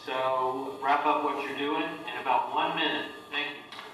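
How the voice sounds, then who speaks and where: A man on staff making a polite, matter-of-fact announcement over a school intercom loudspeaker. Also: mid-range voice, fairly even intonation, a little slow. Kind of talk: public-address announcement. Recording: echoey loudspeaker heard from far off, faint hiss.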